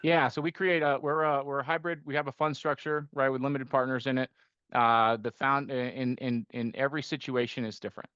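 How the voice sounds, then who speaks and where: A middle-aged man raised in Costa Rica, managing partner at an investment firm, talks through his work as a guest on a conversational podcast, often restarting sentences and tagging on a rhetorical "right?" His mid-range voice is steady, fairly quick, fairly bright, clear and resonant. The recording is dry but muffled.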